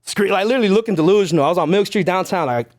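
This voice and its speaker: A young man, telling stories as a podcast guest in a loose, animated way, with lots of "like" and "bro". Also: sits high, racing. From Chelsea, Massachusetts. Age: young adult. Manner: animated storytelling, heavy use of "like" and "bro". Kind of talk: casual interview chat.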